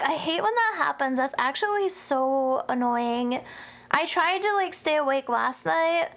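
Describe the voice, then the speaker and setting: A young woman with a high voice chats casually on her live stream, greeting viewers and answering chat with lots of giggles. She sounds tired and worn down by a headache.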